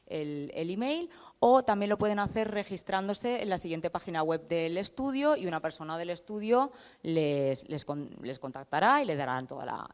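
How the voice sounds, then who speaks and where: A woman's voice: fairly low pitch, smooth. A woman from giving an informative presentation on behalf of a study sponsor, explaining and often correcting herself. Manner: hesitant, self-correcting, explanatory. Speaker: study sponsor representative presenting a clinical trial. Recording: long hall reverb.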